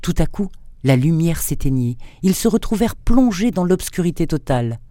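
A man reads a thriller aloud at a measured, steady pace, his voice warm and mellow. The recording is dry and close with no room sound. Plain presenter narration between the scenes. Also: a little high, no echo. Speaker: radio book reader and presenter. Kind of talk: dramatic reading of a thriller.

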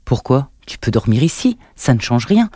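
A man reading an audiobook, voicing a quick-tempered, guarded woman in her thirties with a lifted voice. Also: medium pitch, big pitch swings, warm tone, no echo, clean studio sound. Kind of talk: audiobook narration.

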